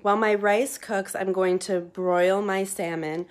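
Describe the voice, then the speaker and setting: Slow, chatty woman cooking at home. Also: medium pitch, fairly even intonation. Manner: chatty and enthusiastic. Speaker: home cook. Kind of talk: casual cooking vlog. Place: home kitchen. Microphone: phone held in hand.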